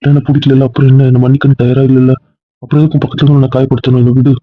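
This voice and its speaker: A man's voice: medium pitch, level tone, racing, no room sound, close to an everyday voice. A man playing a grief-stricken young husband who pleads and despairs over his guilt. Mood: despairing. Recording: muffled phone-like sound.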